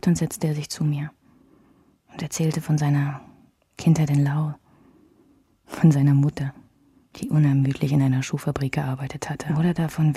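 Playing a wounded, reflective woman who remembers her married life, an actress delivers first-person radio drama narration that is measured, intimate, and fully in character. Her voice is low, dark, and husky, and the mood is quiet. It's a dry, studio-quality recording.

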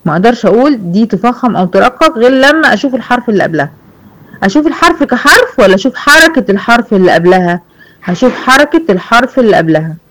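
A woman with an Egyptian accent teaching a Quran recitation lesson to girls. She explains the rules slowly, repeats examples and checks that her students follow. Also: on the high side, lively intonation, fairly bright tone, poor audio. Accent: Egyptian Arabic. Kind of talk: online tajweed lesson.

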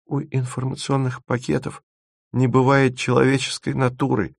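A man reading an audiobook, voicing a dreamy, stubborn young woman who speaks softly and a little painfully. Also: mid-range voice, steady tone, moderate pace, gravelly, no echo, studio quality, pitched above the performer's own voice. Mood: wistful. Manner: soft, pained and wistful.

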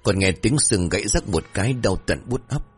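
A man's voice: fairly low pitch, lively intonation, moderate pace, slightly rough, faint music behind. A man voicing a terrified young son, injured and haunted, telling his parents what he saw in a trembling, pleading voice.

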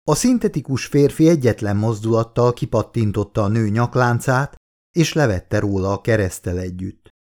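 A man, the author, narrating his own novel as an audiobook in a measured, steady reading. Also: fairly low pitch.

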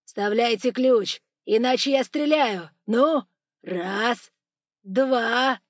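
A woman reading a story aloud, voicing a stern masked male robber who threatens and shouts. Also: medium pitch, steady tone, a little slow, vocal fry, dry recording, highs cut off. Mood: menacing.

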